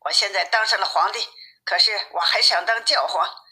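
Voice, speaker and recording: A woman's voice: medium pitch, normal speed, sharp tone. A woman voicing a greedy, demanding fisherman's wife who barks orders at her husband in a children's storybook reading. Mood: bossy. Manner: demanding, scolding commands. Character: bossy greedy fisherman's wife, never satisfied.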